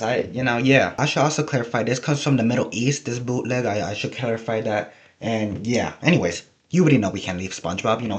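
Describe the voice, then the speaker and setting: A man giving casual, humorous, rambling video commentary, often interrupting himself, who says a w-like sound for r. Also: mid-range voice. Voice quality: trouble pronouncing R, says w-like sound for r. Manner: rambling, jokey, self-interrupting. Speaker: video host.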